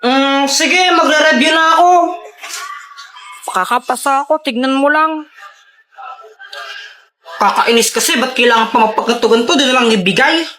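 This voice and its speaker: A woman's voice: high-pitched, normal speed, long pauses, sharp tone, slight background noise. A woman acting in a comedy skit, speaking in an eager and chatty way. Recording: echoey room.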